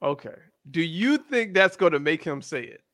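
A man co-hosting a casual chat, animated and acting out quotes in shifting voices. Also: on the high side, moderate pace, no room sound, clean studio sound. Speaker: podcast co-host.

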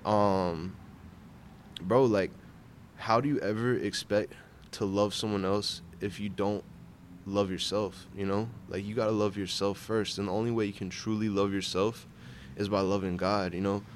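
A man's voice: on the low side, fairly even intonation, moderate pace. A young man talking casually and earnestly about faith, with slangy, bro-heavy phrasing. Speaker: barber sharing his faith. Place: outdoors at a park bench. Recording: outdoor urban vehicle noise.

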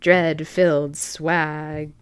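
A woman's voice: sits low, flat delivery, drawn-out words, clear, resonant tone. A young woman reading a story aloud with hesitant, amused asides.

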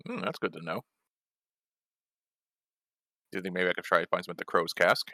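Deep-voiced man player. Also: lively intonation, rapid-fire, sharp tone, no room sound, clean studio sound. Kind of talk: casual tabletop play chat.

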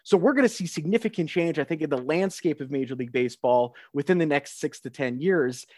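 A man's voice: fairly high pitch, brisk, darkish tone, dry recording, clean studio sound. A man co-hosting a sports podcast, talking in an upbeat, enthusiastic way. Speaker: podcast co-host. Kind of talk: casual sports chat.

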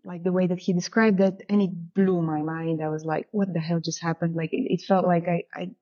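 A woman's voice: lowish voice, steady tone, fairly quick. A woman in her thirties from Bulgaria, telling her story as a guest in a casual interview, reflective and full of "you know" fillers. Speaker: guest, shamanic guide. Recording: muffled lo-fi recording.

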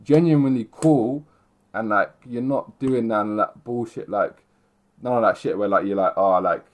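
A man's voice: lowish voice, normal speed. Young London roadman, slangy and rambling. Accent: London roadman, multicultural London slang. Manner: slangy, rambling, self-interrupting. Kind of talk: casual chat.

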